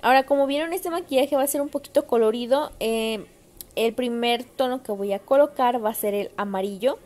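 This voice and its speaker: A woman's voice: on the high side, a little mellow. Chatty young woman giving a makeup tutorial. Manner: chatty, addresses viewers as girls, many fillers. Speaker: makeup vlogger.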